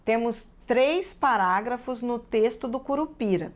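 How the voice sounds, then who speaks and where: A woman's voice: a little high, expressive, measured pace. A woman with a Brazilian Portuguese accent teaching a TV lesson for children, carefully asking the class many questions.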